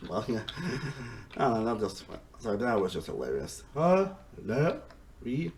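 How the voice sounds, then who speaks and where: A man giving a casual, rambling review monologue, excitable, with frequent restarts and swearing. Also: lowish voice, moderate pace, a little hiss or hum, low-quality recording. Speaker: reality TV reviewer.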